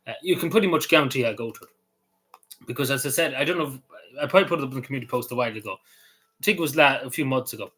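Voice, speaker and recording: Rapid-fire, bright and forceful, this medium-pitched man is an Irish YouTuber answering live chat. He chats casually and rambles, full of "you know" and restarts.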